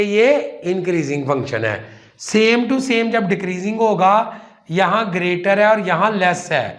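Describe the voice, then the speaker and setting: Slow, high-voiced man teaching math. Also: a bit bright. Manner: slow, explains step by step, asks and answers his own questions; calls students "children" and "son". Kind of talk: whiteboard lecture.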